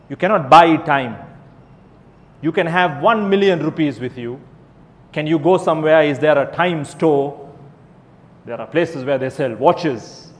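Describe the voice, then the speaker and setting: A male Islamic preacher with a fairly high voice delivers a sermon to a live crowd, using rhetorical questions and emphatic repetition. He's in a big, echoey hall with long reverb.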